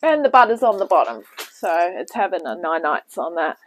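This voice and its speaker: A woman's voice: fairly low pitch, big pitch swings, fairly quick, heavy background noise. A woman hosting a home cooking demonstration, talking casually with rambling asides as she works, heard from a camera in a home kitchen. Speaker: cooking show host. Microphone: camera mic, off-screen speaker at the bench.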